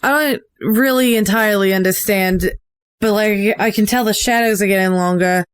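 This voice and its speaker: A woman's voice: medium pitch, moderate pace, clean tone, no echo. A woman playing a tabletop game, thinking aloud in a hedging, casual way. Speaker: player.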